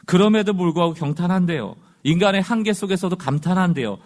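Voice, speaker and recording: Man, pastor, conversational sermon with rhetorical questions, fairly high voice. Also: lively intonation, quick pace, darkish tone.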